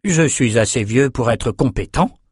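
A man's voice: mid-range voice, lively intonation, a little slow, a little mellow, slightly rough, no room sound. A male reader voicing a young chief archivist in his thirties who speaks dryly and curtly. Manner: dry, curt.

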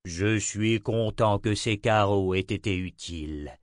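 A man reading an audiobook, voicing an old prophet who speaks slowly and calmly. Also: on the low side, dry recording, studio quality. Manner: slow, measured. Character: old male prophet, calm and measured.

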